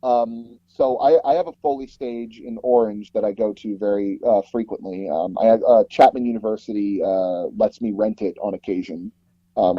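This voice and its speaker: Recorded in a small padded closet booth with no room sound and a lo-fi result, this man has a somewhat low, slightly rough voice. He is a sound designer and audio drama producer giving a casual interview, rambling animatedly through stories with frequent "like," restarts and false starts.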